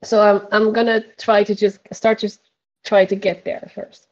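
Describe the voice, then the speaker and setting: A woman's voice: medium pitch, little pitch movement, measured pace, a little mellow, dull audio. A woman playing a tabletop game, talking casually and hesitantly with many fillers. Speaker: player. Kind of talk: casual chat while playing.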